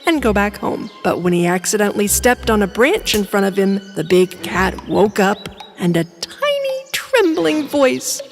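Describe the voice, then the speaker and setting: A woman narrating a children's storybook in an expressive, sing-song manner. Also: medium pitch, a little slow, soft background music.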